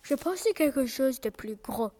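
A woman voicing a sly male wolf in a storybook read-aloud, speaking calmly and coaxingly. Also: high voice, very noisy. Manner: calm, coaxing, unhurried.

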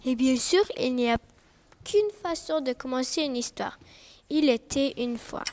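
A woman voicing a sly male wolf in a storybook read-aloud, speaking calmly and coaxingly. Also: high voice. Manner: calm, coaxing, unhurried.

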